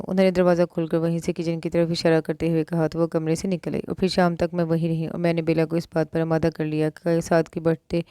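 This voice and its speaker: A woman narrating a romance novel with a low, mellow voice. Her delivery is steady and even. The sound is dry and close to the mic. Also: smooth, dry recording.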